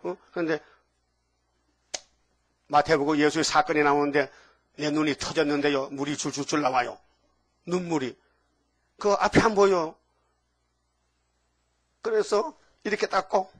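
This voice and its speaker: An older man from the Korean countryside preaching a revival sermon, folksy and animated, often tossing in questions to the crowd. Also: on the high side, moderate pace, long pauses. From rural Korea. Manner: folksy, animated preaching with frequent rhetorical "응?" asides. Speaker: pastor.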